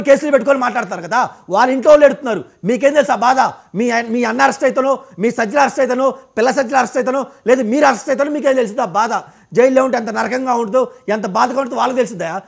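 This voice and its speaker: A man's voice: extremely high pitch, creaky. A man arguing hard in a political TV debate, firing rhetorical questions at his opponent. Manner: combative, rapid-fire rhetorical questions. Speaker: debate panelist.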